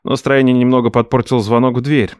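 A man reading first-person scripted narration in a dry, wry, expressive way. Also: medium pitch, fairly quick, smooth, dry recording. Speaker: audiobook narrator.

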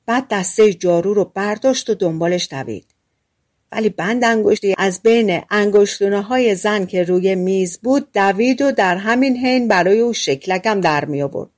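A woman reading a fairy tale aloud as an audiobook narrator, lively and giving the characters their own lines. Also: medium pitch. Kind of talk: storybook narration.

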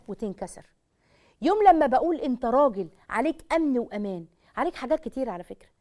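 A woman with an Egyptian Arabic accent giving a religious talk on marriage, asking rhetorical questions and speaking straight to her listeners. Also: on the high side. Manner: animated, rhetorical questions, addresses audience directly. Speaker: Islamic lecturer.

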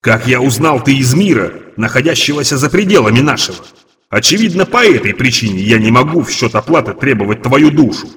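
A man voicing a menacing male demon creditor with an echoing demonic voice effect, loud, slow and commanding. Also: mid-range voice, animated. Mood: irritated. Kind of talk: audiobook reading.

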